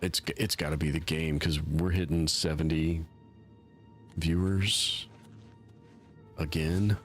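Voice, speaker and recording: A man's voice: a bass voice, steady tone, slow, soft background music. A man streaming a game live, rambling in a self-mocking way and chatting with his viewers. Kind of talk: casual live-stream commentary.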